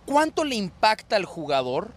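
A man's voice: high voice, very animated, moderate pace. A man hosting a football panel show, steering the discussion with questions to his guests.

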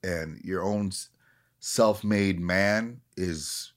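A man's voice: sits low, drawn-out words. A man in his late forties, an actor talking candidly and reflectively in a conversation, often restarting his sentences. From Minneapolis area. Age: 40s. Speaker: actor, guest.

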